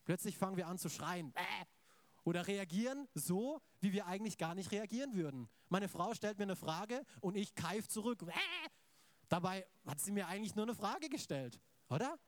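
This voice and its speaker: A man's voice: high-pitched, animated, brisk, hardly any pauses, dry recording. A man preaching a sermon in a casual, conversational way, retelling scripture and keeping asking his congregation for agreement.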